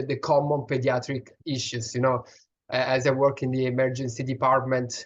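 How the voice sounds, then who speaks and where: An Italian pediatrician with a strong accent answers questions in an online session, explaining earnestly but with many restarts and fillers. His voice is mid-range, and the audio sounds dull.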